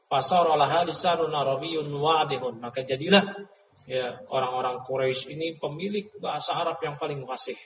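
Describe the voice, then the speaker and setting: Man, religious lecture, higher voice, distant dull recording. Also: fairly quick, roomy sound, big-room sound, slight background noise. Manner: explains Arabic terms, then paraphrases them with lively asides. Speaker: Islamic teacher.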